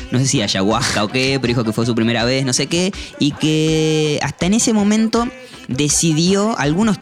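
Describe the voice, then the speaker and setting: A man co-hosting a casual music review chat, talking in a relaxed, chatty way with frequent fillers. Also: a little high. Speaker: podcast co-host.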